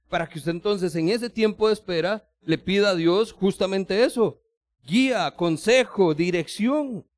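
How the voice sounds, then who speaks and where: A man preaching a sermon in a friendly, conversational tone, talking straight to his listeners and acting out little everyday scenes as he goes. His voice sits a little high for a man. The sound is dry and close, with no room echo. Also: darkish tone. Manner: addresses listeners directly and formally.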